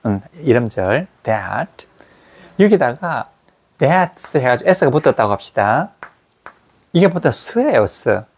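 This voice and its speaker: A man teaching an English grammar class, repeating English words slowly to model their sounds for students in a small classroom. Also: mid-range voice, big pitch swings, husky.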